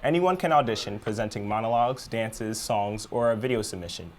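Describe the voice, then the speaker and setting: A man's voice: on the low side, expressive, fairly quick. A teenage boy anchoring a school news show, reading segments and bantering playfully. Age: teens. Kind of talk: scripted anchor read with banter.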